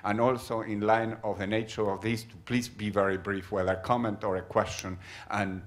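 A man moderating a conference panel, speaking haltingly into a handheld mic while he searches for words. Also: on the low side, level tone.

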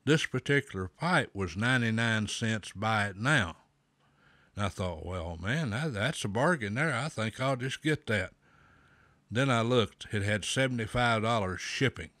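A man hosting a pipe smoking show, giving slow, folksy advice with a pipe in his mouth. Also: lowish voice, animated, a bit bright, no echo. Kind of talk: casual talk to camera.

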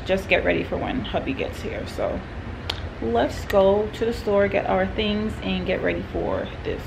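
A woman's voice: mid-range voice, very animated, measured pace, creaky. A woman in her thirties chatting casually to a camera held at arm's length while she goes about her day at home and in the car. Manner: chatty, talks straight to a handheld camera. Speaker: vlogger. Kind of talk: casual day-in-the-life vlog. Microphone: phone or camera held at arm's length. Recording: noisy background, car air conditioning.

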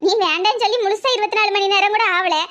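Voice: very high voice, fairly even intonation, fast talker, pushed and bright. A voice artist playing a blunt, scolding elderly village grandmother with a Tirunelveli Tamil accent in a cartoon comedy.

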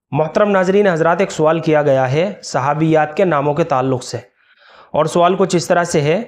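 A man teaching as a religious scholar, slowly spelling out names letter by letter in a careful instructional talk. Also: a little high. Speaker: Islamic scholar.

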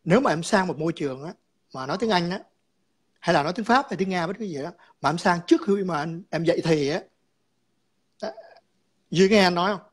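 A man's voice: sits high, animated, brisk, pauses often. A man calling in to a chat, explaining his views in a rambling way, repeating words and slipping in English terms.

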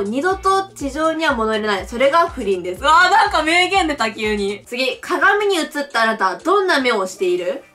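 A young woman from Japan chats through a mobile quiz game, reading each question aloud and answering with blunt, giggly reactions. Her voice sits high and swings widely in pitch. Faint music plays behind her. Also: bright, forceful tone. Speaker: game streamer. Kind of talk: casual playthrough commentary.

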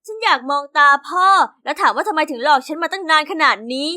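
Speaking as a young girl, a woman narrates a first-person animated diary tale at a fast clip. The voice is very high, bright, and ringing, with an expressive, lively storytelling style that sounds scripted.

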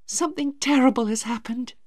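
A woman reading a storybook voicing a distraught teenage girl, high and tearful. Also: fairly quick, a little mellow, no echo, studio quality.

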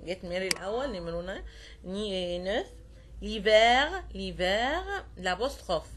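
A woman with an Egyptian Arabic accent teaching French to young students, repeating each word slowly and checking that they follow. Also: mid-range voice, expressive, a bit bright. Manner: patient, repeats words slowly and checks understanding.

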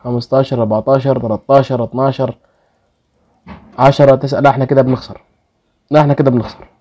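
A man's voice: medium pitch, little pitch movement, fast talker, dark tone, muffled recording. A man with an Egyptian Arabic accent hosting a casual gaming video, pleading with his luck and grumbling when the results go badly. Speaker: gaming channel host.

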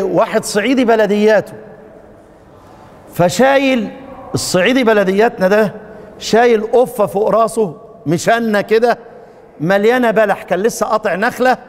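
A man's voice: very high-pitched, in a large hall. A man with an Upper Egyptian accent teaching Quran recitation in a casual classroom lecture, quizzing his students and joking with them. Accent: Upper Egyptian Arabic. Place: mosque lesson hall.

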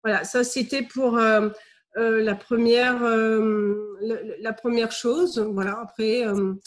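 Middle-aged woman, fairly high voice, webcam call, halting speech. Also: fairly even intonation. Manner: hesitant, many fillers. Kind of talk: panel testimony. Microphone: laptop webcam on a video call.

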